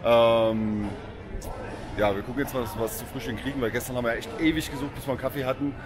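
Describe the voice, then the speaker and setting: A man's voice: mid-range voice, steady tone, fast, a crowd in the background. A man filming a casual travel vlog, talking and joking with his friends outdoors by a busy road. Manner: chatty, joking, laughs often. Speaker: vlogger filming a motorcycle road trip. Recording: loud outdoor traffic noise.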